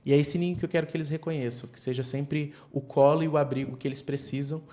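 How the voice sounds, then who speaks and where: A man from Brazil's Northeast appears as a podcast guest, speaking earnestly and reflectively in long extended metaphors about things like nests and wildfires. His voice is fairly high, dark-toned, fairly even and quick.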